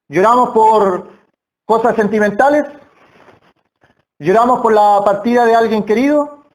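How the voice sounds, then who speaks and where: High-voiced Spanish-speaking preacher, slow and earnest. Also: male voice. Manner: earnest, slow emphatic phrasing with repetitions. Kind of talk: sermon. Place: church hall.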